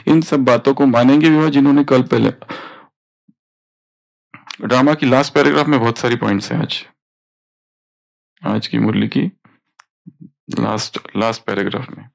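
A man's voice: mid-range voice, normal speed, creaky, long pauses. A man teaching a spiritual study class, explaining points and prompting students to read aloud.

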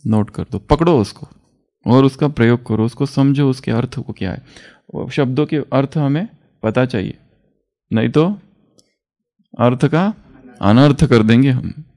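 A man giving a spiritual class in an unhurried teaching manner. He keeps putting questions to his listeners and then answering them himself, with frequent small chuckles between points. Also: mid-range voice, dark tone. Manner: chuckles often while explaining.

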